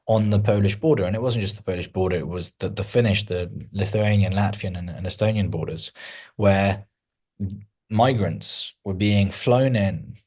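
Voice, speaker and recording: A man answering interview questions in a measured, explanatory way, often restarting his sentences. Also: lowish voice, darkish tone, breathy edge. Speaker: interview guest, founder of a news account.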